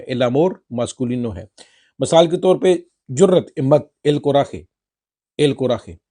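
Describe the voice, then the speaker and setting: Slow, dark-voiced man teaching Spanish. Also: medium pitch. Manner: spells out words and repeats them slowly. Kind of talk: slow spoken language lesson.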